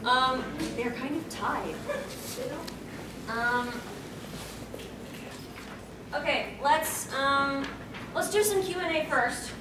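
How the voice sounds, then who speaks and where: Hosting a convention panel from the stage, a young woman talks to the audience in a giggly, hesitant, casual way. Her high voice draws out words, with long pauses. The sound comes from a distant camera mic and is echoey and noisy.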